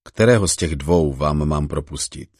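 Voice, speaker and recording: A stern Roman governor poses his questions in a very deep, husky voice, as a man reading scripture gives him lines. The delivery is slightly raised and questioning, and the sound is dry and close. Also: darkish tone, dry recording, exaggerated voice.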